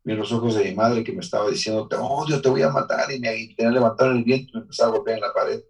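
A man's voice: fairly low pitch, flat delivery, racing, distant mic, low-quality recording. A man from Mexico with a Mexican accent, telling his life story in an interview in an earnest, emotional way, sometimes restarting his sentences. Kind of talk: personal life testimony.

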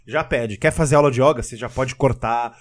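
A man's voice: medium pitch, fairly quick. A man chatting casually and animatedly about a video game, often laughing and acting out what people say. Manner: animated, laughing, acts out quotes.

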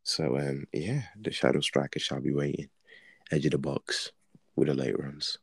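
Very deep-voiced young Londoner, halting delivery. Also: male voice, steady tone, vocal fry, breathy edge, dry recording. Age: young adult. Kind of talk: casual banter chat.

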